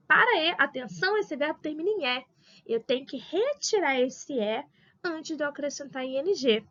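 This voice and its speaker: A woman teacher with a Brazilian Portuguese accent, patiently explaining grammar step by step with slow examples. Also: sits high, a bit bright, highs cut off. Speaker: English teacher. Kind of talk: recorded grammar lesson for adult school.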